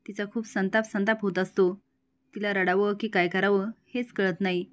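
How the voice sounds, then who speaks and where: A woman narrating a spoken recap of a TV serial in a steady, plain way. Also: mid-range voice, normal speed.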